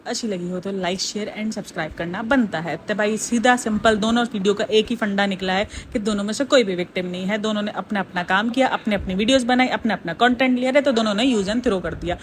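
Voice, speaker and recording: A woman's voice: medium pitch, slight background noise. A woman from Pakistan giving casual reaction commentary on her channel, blunt and opinionated, speaking straight to her viewers. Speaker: reaction YouTuber.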